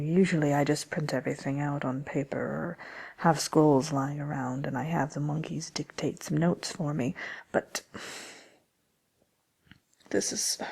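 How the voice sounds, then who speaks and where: A woman performs a full character voice as the smug, envious Wicked Witch, answering listener questions in a soft-spoken, chatty ASMR roleplay. Low-pitched, breathy, and creaky, she often nearly whispers and sounds mildly exasperated. Her delivery is sly and haughty, full of hesitant, drawn-out pauses.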